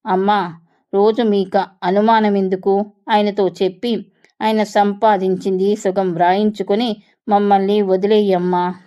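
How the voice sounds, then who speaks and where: A woman narrator voicing a meek, timid young wife who pleads softly in a storybook reading. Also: mid-range voice, flat delivery, unhurried, lo-fi sound, natural voice. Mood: pleading. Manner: soft, pleading.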